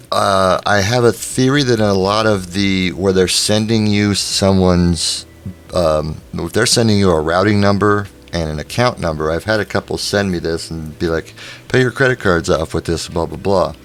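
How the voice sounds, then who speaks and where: A man's voice: low-pitched, measured pace. A man hosting a casual chat stream, talking conversationally with frequent fillers. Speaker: stream host.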